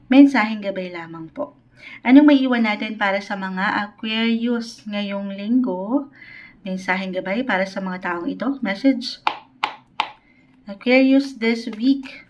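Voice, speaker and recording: A woman's voice: mid-range voice, muffled recording. A woman giving a weekly tarot reading on a livestream. She mixes Tagalog and English, speaks politely, and keeps checking in with "okay?". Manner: polite, uses "po" often. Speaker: tarot reader.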